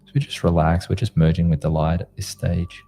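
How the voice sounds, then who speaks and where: Deep, very mellow man guiding meditation like a sleep story. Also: level tone, vocal fry, soft background music. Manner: slow, gentle, soothing delivery with short spaced phrases. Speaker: meditation guide, host of a live group session. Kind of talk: guided meditation, soothing like a sleep story narrator.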